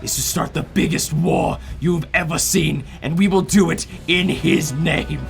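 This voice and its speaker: A man's voice: fairly high pitch, unhurried, vocal fry, faint music behind. A man voicing an angry, war-hungry orc leader with an indignant, zealous manner.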